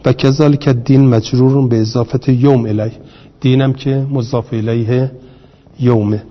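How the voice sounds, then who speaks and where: A man teaching a grammar lesson, speaking slowly, repeating each term and asking his class rhetorical questions. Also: medium pitch, steady tone. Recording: reverberant, dull lo-fi recording.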